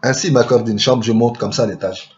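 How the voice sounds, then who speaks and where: A man's voice: medium pitch, steady tone, fast talker, muffled recording. A man telling a rambling comic story, full of chatty asides and word-play.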